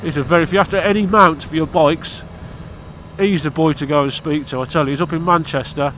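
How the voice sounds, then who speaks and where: Brisk, fairly high-pitched and a bit bright, this British man's voice comes with slight background noise. As a motorcycle vlogger with hay fever, he chats casually outside to camera about his motorbike, rambling in a blunt, cheeky way.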